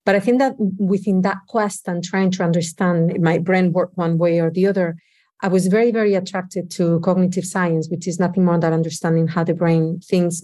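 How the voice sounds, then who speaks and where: Spanish-accented woman, mellow low voice. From Spain. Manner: reflective, frequent restarts and "you know". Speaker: guest. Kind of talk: conversational interview.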